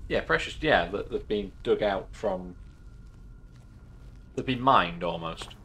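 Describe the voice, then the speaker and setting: Chatty low-voiced male streamer. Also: lively intonation, slow, bright, forceful tone, husky. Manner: chatty, swears, thinks aloud. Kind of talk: casual game commentary.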